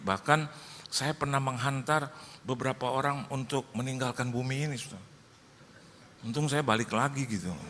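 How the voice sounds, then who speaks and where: A male pastor preaching, lively, telling comic stories and acting out dialogue in changing voices. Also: mid-range voice, a little hiss or hum. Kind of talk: sermon with comic storytelling. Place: large church hall. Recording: church hall reverb, faint ambience.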